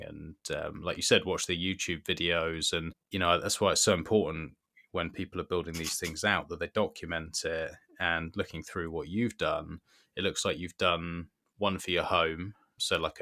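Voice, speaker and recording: A male podcast host with a very deep voice and a bright, forceful tone. He asks engaged, encouraging questions in a conversational way. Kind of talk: conversational interview.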